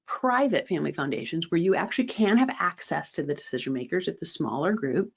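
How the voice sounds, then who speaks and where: A woman's voice: low-pitched, expressive, brisk, creaky, breathy edge, dull audio. A woman presenting a fundraising webinar, direct and emphatic, often checking in with a rhetorical "right?" and adding sarcastic asides.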